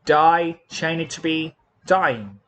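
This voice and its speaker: A man teaching English grammar with a Thai accent, explaining slowly and repeating each word and rule, spelling out letters one by one. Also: fairly high pitch. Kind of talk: slow classroom explanation.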